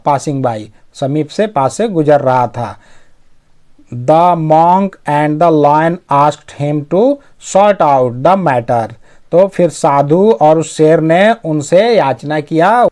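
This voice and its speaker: A man works through an English story as a teacher. His voice sits a little high, and he reads each English line slowly. He then unpacks every word patiently in a bilingual lesson. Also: darkish tone.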